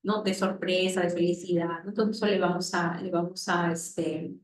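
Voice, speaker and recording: A woman's voice: lowish voice, moderate pace. Woman lecturing in a roomy echo. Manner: explanatory, frequent tag questions, acts out examples with lively exaggerated phrases. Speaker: speech therapy lecturer. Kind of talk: online professional training lecture.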